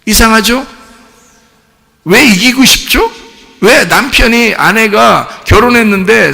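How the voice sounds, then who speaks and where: A middle-aged male pastor preaches a sermon in a church sanctuary, his high, lively voice leaping and dropping, bright in tone with a gravelly rasp. He is animated, repeatedly putting questions to the congregation and acting out cheering crowds. A long church-hall reverb trails behind his words.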